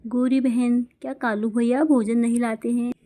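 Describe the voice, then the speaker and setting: A woman's voice: fairly high pitch, level tone, normal speed, mellow, lightly acted. A woman voicing Bulbul, a caring female songbird who comforts her friend. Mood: concerned. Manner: soothing, consoling.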